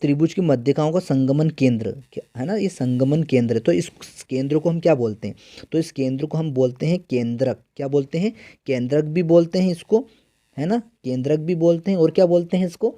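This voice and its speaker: This exam-prep math teacher speaks briskly in a warm voice on the high side. He quizzes his students, supplies the answers himself, and hammers key terms repeatedly, all in an echoey room backed by guitar music.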